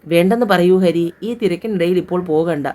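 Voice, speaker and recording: A woman's voice: lowish voice, a little fast, warm tone, natural voice. A woman doing an anxious young mother. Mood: worried.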